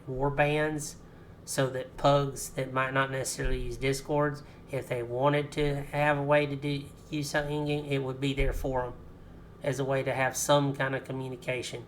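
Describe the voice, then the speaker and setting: A man with a mid-pitched, very even and flat voice talks practically in a casual podcast chat. He moves the talk back to the audience. Faint hiss sits behind him.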